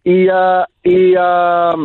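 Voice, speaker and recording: Un hombre criado en México que llama a un programa de radio y cuenta su historia con muchas muletillas y palabras repetidas. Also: male voice, high voice, completely flat delivery, extremely slow, smooth, no room sound. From Mexico. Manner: hesitant, many fillers and repeated words. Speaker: radio caller. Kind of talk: casual call-in storytelling. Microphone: phone. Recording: tinny phone line.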